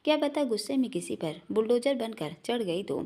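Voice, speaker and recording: A playful young man who teases but keeps a protective, reassuring tone, read out by a woman storyteller. His lines come in a lively, high-leaning voice with plenty of swing in the pitch. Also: normal speed. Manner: joking, reassuring.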